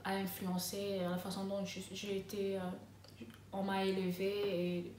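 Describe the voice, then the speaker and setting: A young woman in her twenties, a master's student from Congo (DRC) who was raised in South Africa, answers interview questions in a flat, even, medium-pitched voice. She's hesitant, with many fillers, frequent pauses and restarted sentences. A distant mic picks her up in an echoey room with faint ambient noise.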